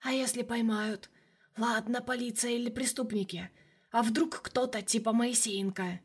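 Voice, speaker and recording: Shadow second self, hushed and snide, a touch higher; woman reader doing it. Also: steady tone, normal speed, husky. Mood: mocking. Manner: mocking, hushed.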